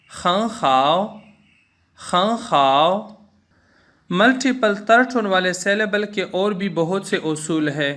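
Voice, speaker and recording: A man with an Urdu-influenced accent teaches a beginner language lesson at a slow, deliberate pace. He speaks in a fairly high voice and calmly says each drill word three times, waiting for students to repeat after him. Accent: Urdu-influenced Hindustani.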